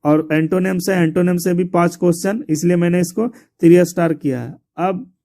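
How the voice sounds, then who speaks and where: A man's voice: high voice, normal speed, warm tone. A man teaching an exam syllabus, repeating points and spelling words out letter by letter. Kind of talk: explaining a syllabus to students.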